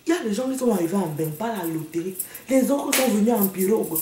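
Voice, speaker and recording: A woman's voice: medium pitch, lively intonation, quick pace, noisy background. A woman delivering a sassy, mocking comic rant to the camera, slipping into English and slang. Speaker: comedian vlogger. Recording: echoey room, a bit far from the mic.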